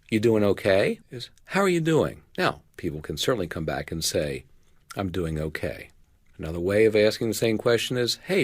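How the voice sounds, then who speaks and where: A man lecturing on listening skills in a measured, emphatic way, slowing down to stress key phrases. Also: lowish voice, slightly rough, no room sound, studio quality. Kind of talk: recorded lecture.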